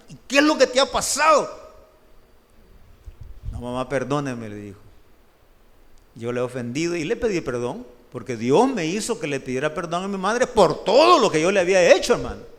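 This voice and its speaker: With a fairly high pitch and a Salvadoran Spanish accent, this middle-aged preacher shares a testimony sermon through lively storytelling. He frequently addresses his audience as "brother," and his words echo with long hall reverb.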